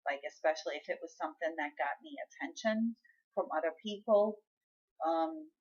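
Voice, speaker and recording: A woman talking to camera in a casual vlog, her voice a little on the low side. She speaks frankly and with some exasperation, telling her story plainly. The sound is dull and lo-fi. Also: moderate pace, a little mellow, breathy edge. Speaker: vlogger.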